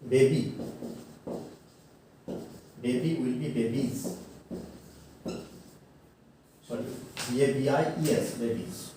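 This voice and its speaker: A man giving a college English grammar lecture, halting with many fillers and self-corrections, spelling words out letter by letter. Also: mid-range voice, fairly even intonation. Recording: echoey room, mic far off, faint noise.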